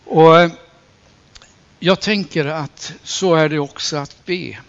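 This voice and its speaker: Preacher, male, slightly raised pitch, earnest and deliberate, dull lo-fi recording. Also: gravelly. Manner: earnest, slows and stresses key phrases, rises when quoting scripture. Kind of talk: sermon.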